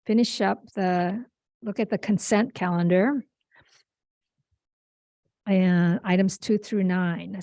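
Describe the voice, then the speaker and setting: Woman running a board meeting, kinda hesitant, gravelly dark voice. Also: medium pitch, dry recording, studio quality. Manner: hesitant, with many fillers and restarts. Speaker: board president chairing a meeting. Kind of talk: chairing a public meeting.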